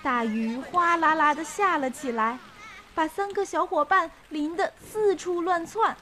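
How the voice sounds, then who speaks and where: High-voiced woman narrating a children's story. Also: measured pace.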